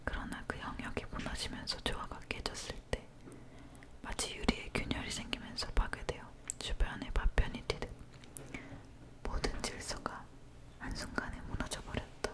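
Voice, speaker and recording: A woman leans close to an ear microphone and reads a dark story in a breathy, hushed ASMR whisper at a moderate pace.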